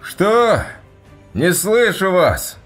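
A man doing a shouting adult man. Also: high voice, wildly swooping pitch, extremely slow, faint music behind, pitched above the performer's own voice, full character voice. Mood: yelling.

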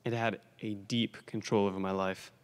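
A man's voice: on the low side, flat delivery. Earnest teenage boy at a podium. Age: teens. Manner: earnest, testimonial storytelling with dramatic pauses. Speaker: graduating student speaker. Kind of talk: commencement speech. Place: school gymnasium stage at a lectern. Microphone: podium microphone on a stand. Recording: long hall reverb from a large gym.

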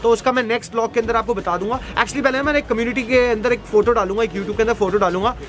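A man's voice: extremely high pitch, quick pace, a bit bright. An Indian man in his thirties hosting a casual street food vlog with an enthusiastic, exclaiming manner, switching between Hindi and English. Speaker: food vlogger and host. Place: outdoors at a street food cart area.

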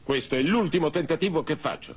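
An actor playing a patient, firm doctor friend in a dubbed telenovela, speaking in a measured, reasoning way with a slightly husky voice. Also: male voice, fairly high pitch, animated.

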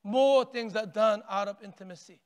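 An older man preaching a sermon from a church stage, animated and gesturing, often dropping to a hush on key words and repeating phrases as he builds. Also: high voice, moderate pace, smooth. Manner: animated preaching with wide arm gestures, rising and falling intensity. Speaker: pastor. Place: large church sanctuary, stage with pulpit. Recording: long reverb of a church hall.

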